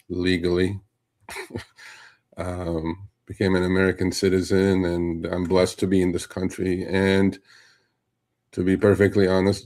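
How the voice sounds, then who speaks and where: A man's voice: sits low, dark tone. A middle-aged man from Turkey hosting a live show, talking in a rambling, conversational way with many fillers and asides. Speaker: host. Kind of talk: casual livestream commentary.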